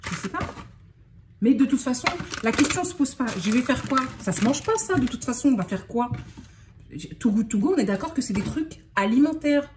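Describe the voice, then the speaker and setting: A woman's voice: fairly high pitch, animated, brisk, background noise. A woman from France in a casual unboxing vlog, talking in a scattered, self-interrupting way and getting worked up. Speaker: vlogger.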